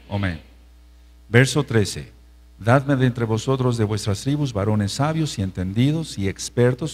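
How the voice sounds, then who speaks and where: This Mexican-accented pastor speaks in a mid-range, darkish voice while teaching a Bible study in sermon style. Emphatic throughout, he says key phrases more than once and checks with his listeners by asking them questions.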